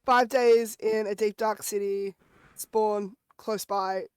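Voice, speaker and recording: A woman's voice: mid-range voice, steady tone, takes it slowly, a little mellow, clear, resonant tone, no echo. A woman playing prosecutor in a game role-play, hesitant and often stumbling over her words. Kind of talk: playful role-play chat.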